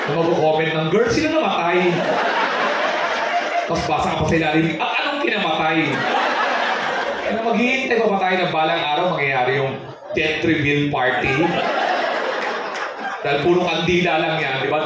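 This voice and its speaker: Animated Filipino stand-up comedian, high voice. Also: male voice, recorded from a distance, very noisy. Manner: animated, acts out quoted voices in a high pitch. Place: comedy stage before a live audience. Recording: echoey live venue miked from afar, audience laughter.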